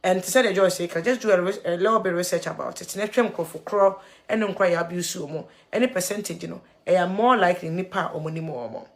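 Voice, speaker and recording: Tearful Ghanaian woman vlogger. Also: fairly low pitch. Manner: earnest, mixes English and Twi, halting repeats. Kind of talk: emotional video commentary.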